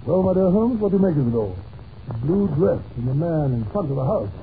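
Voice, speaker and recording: An actor playing an earnest, curious gentleman doctor and detective's companion in an old-time radio drama, genial, exclamatory and questioning. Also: fairly high pitch, expressive, fairly quick. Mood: concerned, curious. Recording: muffled noisy old radio recording.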